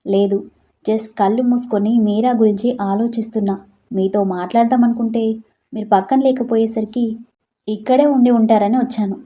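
Brief: a level-headed mom, as a woman storyteller does her, mellow low timbre. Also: normal speed, close to an everyday voice. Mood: calm, firm. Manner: calm, reasoning. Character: caring, firm middle-aged mother.

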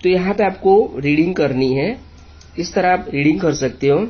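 A man's voice: on the high side, normal speed, slightly rough, lo-fi sound. A man teaching a children's English lesson, patiently spelling words letter by letter.

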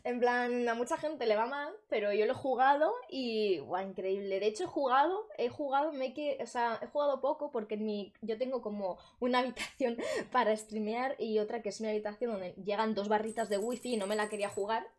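A woman from Spain chatting casually with her viewers on a live stream from a bedroom, bubbly and laughing often, with loud sudden exclamations. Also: on the high side, fairly quick. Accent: Spain Spanish. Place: bedroom at her grandmother's home.

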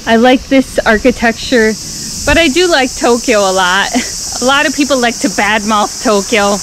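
Young woman vlogging outside, highish voice, cicadas and noise behind her. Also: normal speed. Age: young adult. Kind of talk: casual vlog talk to camera. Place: outdoors on quiet suburban roads. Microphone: camera at arm's length. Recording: outdoor ambient noise, insects.

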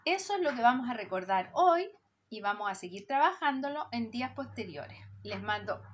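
A woman teaching preschoolers, patient and warm, stretching out syllables as she counts them. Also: on the high side, expressive, moderate pace, slight background noise. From Chile. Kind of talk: slow lesson for young children.

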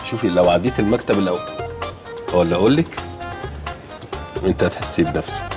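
An actor playing a jovial, easygoing company boss with an Egyptian accent, genial and joking. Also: male voice, low-pitched, quick pace, over music, lightly acted. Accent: Egyptian Arabic. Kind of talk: sitcom acting.

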